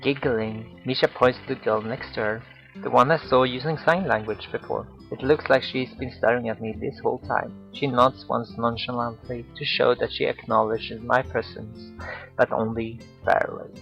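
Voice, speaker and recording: A man narrating a visual novel aloud in the first person, low-key and wry. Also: fairly even intonation, moderate pace, vocal fry, muffled recording, soft background music.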